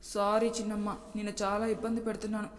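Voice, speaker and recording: A woman's voice: medium pitch, completely flat delivery, fast talker, close to an everyday voice. A woman voicing a troubled young man torn by his past, speaking in an emotional, pleading way. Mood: remorseful. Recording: long hall reverb.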